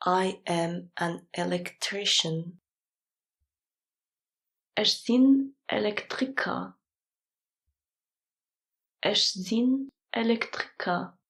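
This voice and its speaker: A woman reads language phrases for sleep learning at a very slow, drawn-out pace. Her voice sits at a middle pitch. She stays calm and repeats each phrase twice. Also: rough recording. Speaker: language teacher reading phrases.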